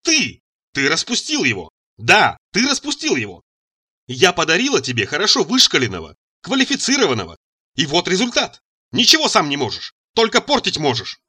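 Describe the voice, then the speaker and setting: A man voicing a furious, imperious mother who scolds her grown son in a shrill voice. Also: huge pitch swings, a little fast, sharp tone, slightly rough, full character voice. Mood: furious scolding.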